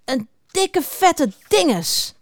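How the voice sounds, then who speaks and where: A woman's voice: high-pitched, big pitch swings, slow, a little mellow, dry recording, clean studio sound, voice pushed up, heavily acted. A woman doing a grumbling, sulky fox. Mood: grumpy. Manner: grumbling, fumbling for words.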